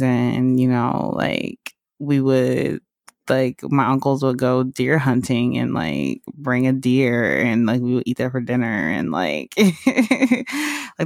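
With an extremely low, gravelly voice, a Southern US woman in her 30s hosts her podcast in a loose, candid monologue full of laughter. The studio sound is clean and dry.

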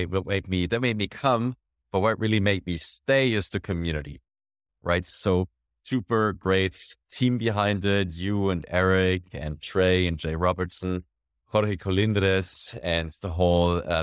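This enthusiastic podcast host has a deep, clear, resonant voice and speaks a little slowly, frequently ending his lines with "right?" as he interviews someone. The sound is studio quality with no echo.

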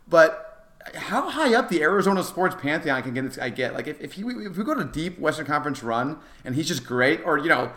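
A man's voice: a little high, very animated, bright, forceful tone. A man co-hosting a casual sports podcast, talking in an enthusiastic, emphatic way. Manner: enthusiastic, emphatic, quick to laugh. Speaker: podcast co-host.

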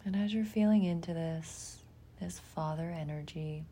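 In a gentle, breathy, low-pitched voice, a woman talks listeners through a guided imagery meditation. Her phrases are short and calming, separated by long pauses.

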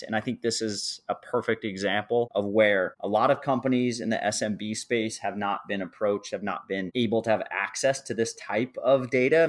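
A man with a fairly low voice hosts a podcast, delivering a polished, scripted-sounding introduction. He then poses questions to his guest in the same smooth, practiced way. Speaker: podcast host.

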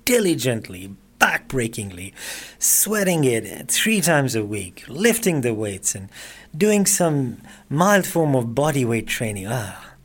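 A man in his forties talks straight to the listener in a relaxed podcast monologue. His voice sits at an ordinary middle pitch, and he keeps it casual and self-deprecating, tossing in little asides and jokes at his own expense. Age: 40s. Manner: chatty, self-mocking, conversational asides. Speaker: podcast host.

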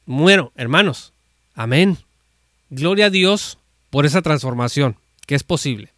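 A man's voice: fairly high pitch, expressive, a little slow, fairly bright tone, no room sound, clean studio sound. A man teaching on salvation in a conversational preaching style, retelling Scripture with fillers and restarts. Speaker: Bible teacher. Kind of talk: informal teaching talk on an audio space.

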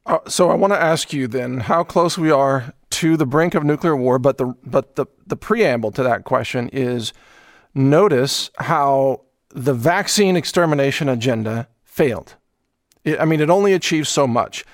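A man hosting an interview show, explaining and framing questions in a deliberate, alarmist manner. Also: medium pitch, dry recording, studio quality. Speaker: talk show host.

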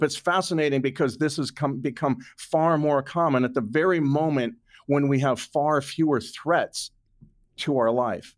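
A man with a mid-range voice, an author and journalist appearing as an interview guest, explains his ideas without a script. He reasons aloud haltingly, repeating phrases and starting over.

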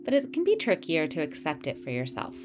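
Calm woman guiding yoga breathing. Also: low-pitched, brisk. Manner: calm, soothing, gently coaching. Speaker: yoga instructor. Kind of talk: guided yoga and breathing instruction. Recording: clear music playing behind the voice. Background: soft instrumental music.

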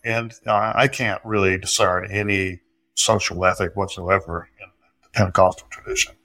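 A man with a somewhat low voice talks through history for a podcast interview. He explains carefully, pausing and restarting, with flashes of dry humor. The sound is close and dry, with no room around it. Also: steady tone, bright, forceful tone, no echo. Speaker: guest historian. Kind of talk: conversational interview answers.

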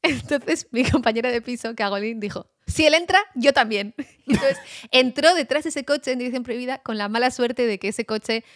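A woman's voice: fairly high pitch, brisk, no room sound, studio quality. A young woman, an interview guest, telling a casual anecdote and laughing often as she goes.

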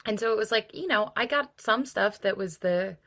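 A woman of medium pitch and moderate pace, her tone a bit bright, co-hosts a casual podcast discussing books. Her manner is informal and emphatic, with frequent "like" and occasional mild swearing.

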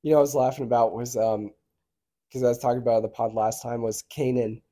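A man's voice: mid-range voice, fairly even intonation, fast, mellow. A man co-hosting a podcast, chatting casually, hesitant and often laughing as he trails off. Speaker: podcast co-host. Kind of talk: casual chat.

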